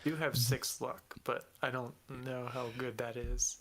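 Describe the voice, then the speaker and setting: A man's voice: mid-range voice, little pitch movement, a little slow, bright, forceful tone. A man chatting casually as a player in a tabletop role-playing game. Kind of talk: casual chat.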